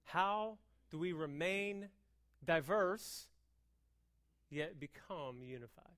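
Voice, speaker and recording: An American woman's fast, emphatic, conversational preaching marks this informal sermon, which is full of repeated words and rhetorical questions. She uses a fairly low pitch and lively intonation.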